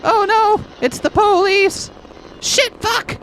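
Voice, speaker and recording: Lady doing a nervy sarcastic young game heroine, high voice, kinda sweary. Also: very animated, moderate pace, a bit bright, slight background noise, poor audio. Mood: panicked, exasperated. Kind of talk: video game read-aloud acting.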